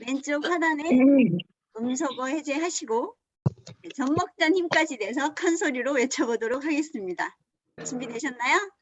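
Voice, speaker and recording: A woman's voice: sits high, moderate pace, fairly bright tone. A woman hosting an online Zoom seminar, greeting everyone and introducing the speaker in an upbeat emcee manner over a video call. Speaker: seminar host.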